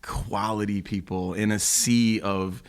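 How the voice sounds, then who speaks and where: A man on a podcast as a guest, chatting casually and telling animated stories, acting out what people said and laughing often. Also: fairly low pitch, slow pace, vocal fry, smooth. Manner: animated storyteller, acts out quotes, laughs often. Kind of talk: casual chat. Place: apartment room.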